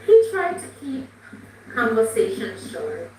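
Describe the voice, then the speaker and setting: A woman storyteller reads a short inspirational story slowly, her fairly high voice rising and falling with a lot of expression. She sounds far from the mic in a strongly echoing room, with faint noise underneath. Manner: slow, gentle, expressive reading. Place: room, live stream.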